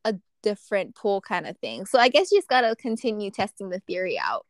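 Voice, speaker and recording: A woman's voice: mid-range voice, very animated, brisk, no echo. A woman hosting a casual podcast chat, asking teasing questions and steering the talk. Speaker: podcast host.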